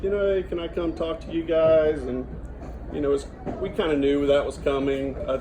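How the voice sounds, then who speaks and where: A middle-aged man giving an informal father of the bride speech, halting and conversational, with a joking delivery. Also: medium pitch. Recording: noisy room with loud audience chatter and laughter.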